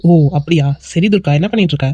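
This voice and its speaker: A woman's voice: fairly low pitch, quick pace, warm tone, husky, no echo. A woman voicing a breezy, teasing young man in an amateur cartoon. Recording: dull lo-fi recording.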